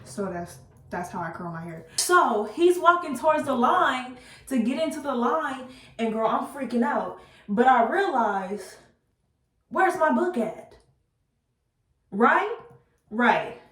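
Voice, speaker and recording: A woman's voice: fairly high pitch, a little slow. Chatty woman vlogger in a roomy space. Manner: chatty and animated, laughing at herself; casual slang, addresses viewers as girl. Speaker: beauty vlogger. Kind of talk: casual storytime chat while doing her hair. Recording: roomy, slightly distant mic.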